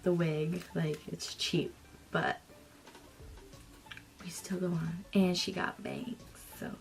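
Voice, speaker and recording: Young woman, beauty vlogger, slow casual chat with a gravelly fry, music bed underneath. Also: fairly low pitch, flat delivery. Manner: chatty, drifting into whispers now and then. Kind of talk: casual makeup vlog chat.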